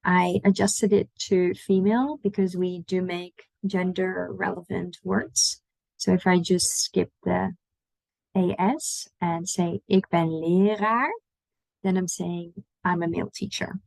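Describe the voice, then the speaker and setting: Slow, gravelly-voiced woman teaching. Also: lowish voice, flat delivery, a little mellow, no room sound, low-quality recording. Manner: slow, patient, explaining pronunciation. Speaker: language teacher. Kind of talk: online language lesson.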